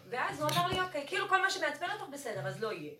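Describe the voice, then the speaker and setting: A woman's voice: high voice, sing-song, crowd noise. A woman who works as a rabbinical court advocate tells a class about one of her cases, acting out both sides of each conversation. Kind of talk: animated storytelling to a class. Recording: roomy, distant, noisy room recording.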